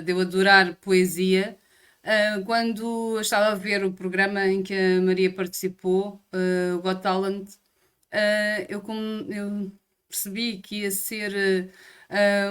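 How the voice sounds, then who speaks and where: Smooth, level-toned Portuguese woman. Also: medium pitch, a bit bright. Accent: European Portuguese. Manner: hesitant, many filler sounds. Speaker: psychologist co-host. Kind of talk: warm-up remarks on a talk show.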